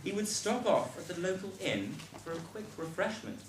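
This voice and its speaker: A man's voice: high-pitched, expressive, normal speed. A man playing a pompous, sarcastic pantomime narrator, telling the story in a mock-grandiose way. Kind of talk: scripted stage pantomime narration. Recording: echoey noisy hall recording.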